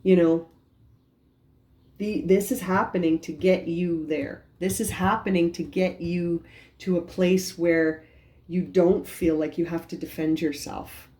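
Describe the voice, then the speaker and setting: Mellow low-voiced woman reading tarot. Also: steady tone, measured pace. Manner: gentle, repetitive, frequent restarts. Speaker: tarot reader.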